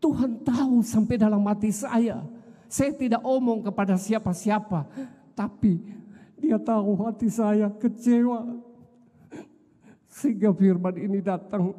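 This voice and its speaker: A middle-aged man preaches with a high-pitched, dark and mellow tone. His sermon swings from fervent raised lines to hushed, low confessions. The recording carries the long reverb of a church hall. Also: fairly even intonation, measured pace. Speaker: pastor.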